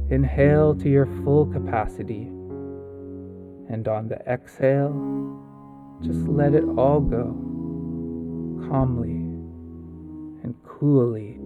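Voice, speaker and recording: A man guides a relaxation session at a very slow pace, with a calm and soothing delivery. He leaves long pauses between phrases, in a medium-pitched voice. Calming plucked guitar plays clearly behind him. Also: phone-quality sound. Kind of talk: guided meditation narration. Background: calming guitar music.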